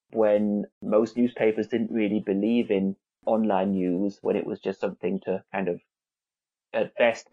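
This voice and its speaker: A man's voice: fairly low pitch, mellow, highs cut off. A man in his forties from England, a guest on an interview podcast, talking with many restarts and fillers. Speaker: guest, newspaper visuals head. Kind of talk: conversational interview.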